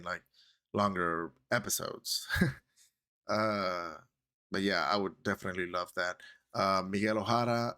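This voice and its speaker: A male vlogger whose first language is Spanish chats casually to camera about a film he loved. His voice is lowish with a fairly bright tone, and his talk is full of fillers and self-corrections.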